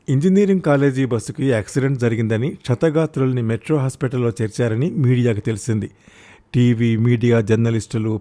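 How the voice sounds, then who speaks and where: A man narrating a story audiobook in a steady, formal reading manner. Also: mid-range voice.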